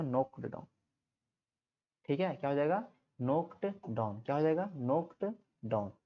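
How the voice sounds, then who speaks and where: A man's voice: on the high side, dark tone. A man teaching an exam-prep grammar lesson, explaining step by step and asking and answering his own questions. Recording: slightly muffled lo-fi audio.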